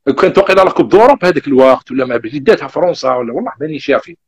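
A young man with an Algerian Arabic accent, telling his own migration story in a casual, animated way and acting out the back-and-forth. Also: a little high, husky. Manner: animated, rapid retelling with quoted back-and-forth.

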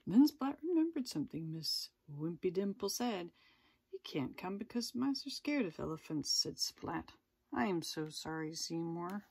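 A woman reads a picture book to young children slowly and patiently, her voice swinging widely up and down. There is a husky, slightly gravelly texture to her tone, and she drops in friendly asides to the kids watching. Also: on the low side. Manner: gentle, lively, with asides to viewers. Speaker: teacher reading aloud. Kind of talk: storybook read-aloud for children.

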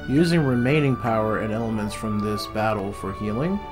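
A young man giving relaxed, casual let's play commentary, swearing now and then, with game music behind. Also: fairly low pitch, fairly quick. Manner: laid-back, swears casually, reads game text aloud.

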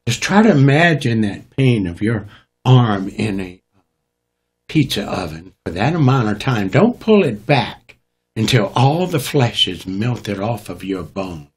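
A man's voice: fairly low pitch, very animated, unhurried, husky. A man, a guest preacher, telling his testimony in an emphatic, dramatic preaching manner. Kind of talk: testimony storytelling.

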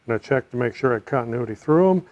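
A middle-aged American man narrating a hands-on repair casually, in a low-key way, as if muttering to himself while he works. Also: expressive, fast talker, darkish tone, dull audio. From United States. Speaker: DIY repair video host. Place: home room, indoors.

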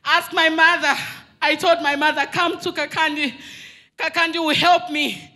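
Bright high-voiced woman testifying. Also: fairly even intonation, moderate pace. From Zambia. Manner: earnest, emphatic, retelling dialogue. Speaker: congregant giving testimony. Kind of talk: emotional church testimony. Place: large indoor church hall. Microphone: handheld mic.

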